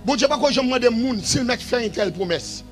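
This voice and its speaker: A man preaching a revival sermon in a shouted, sing-song style that falls to quieter stretches. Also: very high voice, expressive, quick pace, faint music behind.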